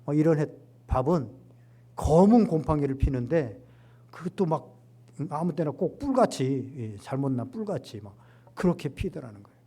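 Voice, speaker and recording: Korean pastor preaching, lively and emphatic. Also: male voice, on the high side, moderate pace, breathy edge. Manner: animated, acts out quoted lines with rising emphasis. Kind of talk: sermon.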